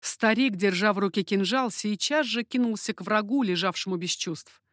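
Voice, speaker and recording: A woman reads a historical novel aloud with steady, expressive storytelling. Her voice sits in a middle range. The recording is dry and close. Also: mid-range voice, normal speed, no room sound. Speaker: audiobook narrator. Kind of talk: dramatic audiobook narration.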